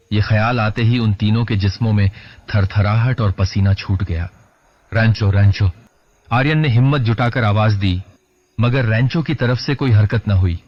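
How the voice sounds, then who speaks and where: A man narrates a horror story in a dramatic, measured way. His voice sits low. The recording is dull and lo-fi.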